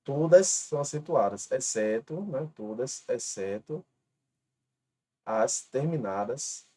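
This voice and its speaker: A man's voice: medium pitch, animated, takes it slowly, warm tone. A man with a Brazilian Portuguese accent teaching an online grammar lesson, patiently spelling out rules step by step. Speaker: exam-prep teacher.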